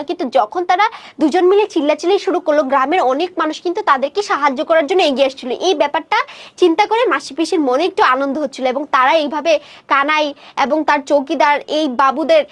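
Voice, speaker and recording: High-voiced woman teaching a story. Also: fairly bright tone. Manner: conversational, asking questions then answering them. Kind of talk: explaining a short story in a class lecture.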